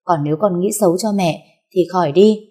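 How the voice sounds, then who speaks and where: A woman voicing a domineering, grasping middle-aged mother-in-law who scolds and turns shrill when crossed, in an audio story. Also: fairly quick, dark tone, lightly acted. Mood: indignant.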